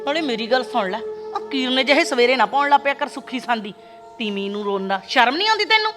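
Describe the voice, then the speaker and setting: An actress playing a sharp-tongued village mother who scolds her grown son. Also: high-pitched, lively intonation, fast, soft background music. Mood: scolding. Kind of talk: Punjabi web series acting.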